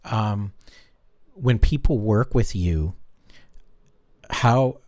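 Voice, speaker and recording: Very deep-voiced hesitant male host. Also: very slow, darkish tone, no echo, clean studio sound. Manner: rambling, hesitant questions. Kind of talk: interview questions.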